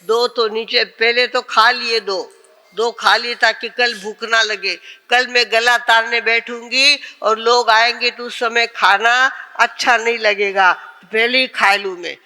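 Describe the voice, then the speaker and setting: Woman, Jain nun, storytelling sermon; bright crisp voice, long hall reverb. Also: fairly high pitch, a little slow. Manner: lively storyteller who acts out the characters' lines. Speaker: Jain nun giving a discourse.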